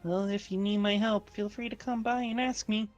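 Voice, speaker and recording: A man's voice: high-pitched, fairly even intonation, moderate pace, highs cut off, soft background music, voice pushed up, close to an everyday voice. Man voicing a saddened, kindly talking tree. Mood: kindly, sorry. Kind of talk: tabletop role-play.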